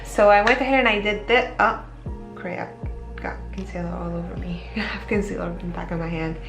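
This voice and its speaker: A woman talking through a makeup tutorial in a relaxed, chatty way, explaining each step as she goes, her voice a little worn. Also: fairly low pitch, brisk, gravelly, echoey room, faint music behind. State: slightly losing her voice. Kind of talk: casual beauty tutorial talk.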